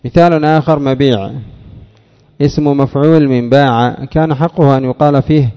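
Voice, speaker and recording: A man's voice: mid-range voice, fairly even intonation, normal speed, mellow, clean tone. A man teaching a lesson on grammar, asking questions and answering them himself, repeating key words. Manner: addresses a student by name. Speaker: teacher of Arabic morphology. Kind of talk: classroom lesson explaining a text. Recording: dull lo-fi recording with long hall reverb.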